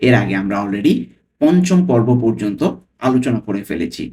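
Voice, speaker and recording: Man slowly teaching phrases word by word. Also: on the low side, lively intonation, a little mellow. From Bangladesh. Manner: repeats phrases slowly word by word, checks in with "okay?". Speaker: language tutor. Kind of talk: spoken lesson, Italian phrases explained in Bengali.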